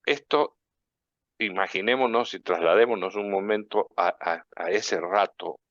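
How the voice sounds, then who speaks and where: Deep-voiced radio preacher. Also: male voice, fairly bright tone, no room sound. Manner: reverent, unhurried preaching delivery. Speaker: radio program host. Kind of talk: radio prayer and gospel reflection. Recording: dull, dry radio studio sound.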